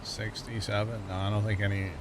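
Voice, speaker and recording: A middle-aged man runs a gaming livestream in a relaxed, chatty way, speaking briskly in a lowish, level tone. He jokes, teases his co-player and hums as he plays. Engine noise from a game vehicle can be heard behind him.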